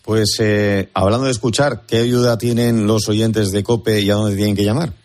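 A man's voice: on the low side, fairly even intonation, normal speed, darkish tone. A man hosting a radio interview in a polished presenter manner. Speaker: radio host.

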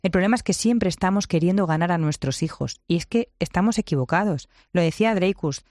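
Mujer española enérgica, sonido seco. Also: female voice, on the low side, fairly quick, no room sound, studio quality. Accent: Spain Spanish. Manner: lively, emphatic, acts out quotes. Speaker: parenting guest expert. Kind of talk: conversational advice.

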